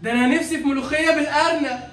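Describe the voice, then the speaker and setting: A woman playing an exasperated middle-aged Egyptian father in a comedy sketch, talking quickly. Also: sits high, steady tone, roomy sound, lightly acted. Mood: eager. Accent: Egyptian Arabic.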